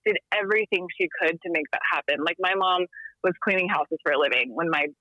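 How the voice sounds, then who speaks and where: Talking fast in a low, pushed, bright voice with no echo, a woman in her thirties from Texas calls into a podcast from home in Littleton, Colorado. The interview is a casual chat full of ums and laughter, heard through dull, dry call-in audio.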